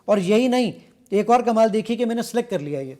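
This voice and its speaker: A man with a Pakistani Urdu accent and a notably high voice walks through features one step at a time. He sounds eager and explanatory, speaking as a guest in a television studio. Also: lively intonation, darkish tone. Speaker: app developer and guest. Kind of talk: product demonstration on a TV show.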